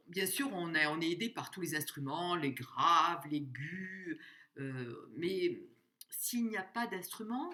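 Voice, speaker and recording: A woman giving a spoken music lesson, explaining slowly, singing short examples and counting out the beats. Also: lowish voice, pushed and bright. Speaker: music teacher.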